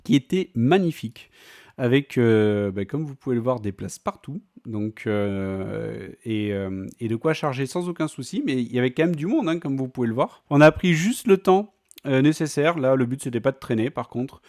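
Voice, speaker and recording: A man's voice: medium pitch, lively intonation, moderate pace, a little mellow. A man talking casually in a vlog, chatty and full of fillers and restarts. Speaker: vlogger.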